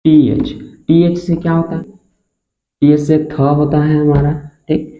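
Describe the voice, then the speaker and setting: A man gives a classroom-style lesson, breaking words into slow parts and asking his listeners again and again what they read. His voice sits fairly high. The sound is thin and phone-like, with a roomy echo. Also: flat delivery. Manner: spells out words slowly and keeps asking the class to repeat. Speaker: English teacher. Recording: echoey room on a tinny, phone-like line.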